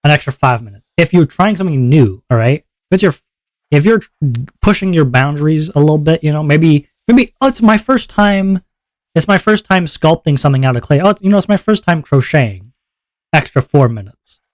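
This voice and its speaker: A man on a live stream explains his event's rules to chat in a casual, upbeat way, checking in with viewers often. After a viewer redeem, his voice turns relaxed and lower. He talks a little fast, with no room sound.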